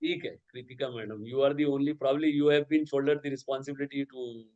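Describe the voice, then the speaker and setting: Rapid-fire and steady in tone, a mid-range, slightly mellow male voice comes through dull audio. The man, whose first language is Urdu, is a workshop resource person lecturing teachers over a video call, explaining and frequently checking in with "okay" and "right?".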